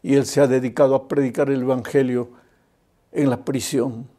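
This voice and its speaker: A man preaching an evangelistic sermon, who swings between loud emphatic appeals and hushed storytelling. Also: medium pitch, level tone, normal speed.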